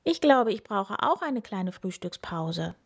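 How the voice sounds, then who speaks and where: A woman voicing a cheerful, excitable male hero in a children's story, speaking in a bright, exclaiming, chatty way. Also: medium pitch, unhurried, vocal fry, background noise.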